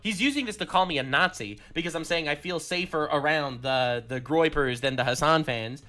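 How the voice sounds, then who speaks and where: A man delivers a sarcastic, combative political monologue in a played clip. His voice is bright and forward and sits a little high. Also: fairly quick.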